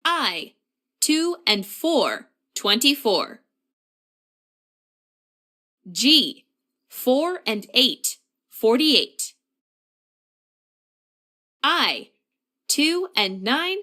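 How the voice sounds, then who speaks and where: A woman with a high, bright voice calls bingo numbers very slowly and deliberately. Her pitch swings in a lively way as she delivers each call in the set phrasing of a bingo caller.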